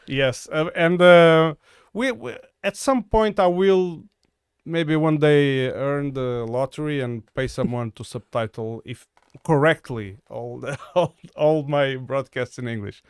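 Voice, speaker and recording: A man's voice: a little high, a little slow, smooth, no room sound, clean studio sound. Hesitant man hosting a podcast. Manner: hesitant, many uh fillers and restarts. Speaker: podcast host. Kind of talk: casual interview talk.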